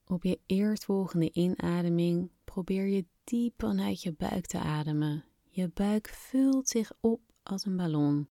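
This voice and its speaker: A woman softly and soothingly guiding a breathing exercise in calm, unhurried scripted instructions, slightly breathy at times. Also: lowish voice, dry recording, studio quality. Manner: soft, soothing, unhurried instruction with long pauses. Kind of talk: guided relaxation exercise, scripted narration.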